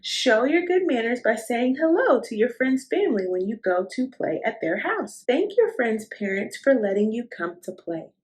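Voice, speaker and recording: Pitched fairly high and very animated, a woman reads a picture book aloud to young children at a normal speed, barely pausing. As host of a children's read-aloud show, she speaks to the listener directly, encouraging and instructing, asking questions and affirming answers.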